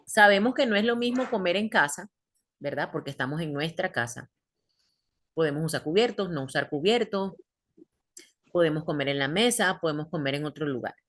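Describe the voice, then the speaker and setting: A woman's voice: sits low, expressive, a little fast, a bit bright. Patient woman teacher explaining step by step. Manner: patient, explains step by step, asks the class questions. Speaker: English teacher. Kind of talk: online class teaching.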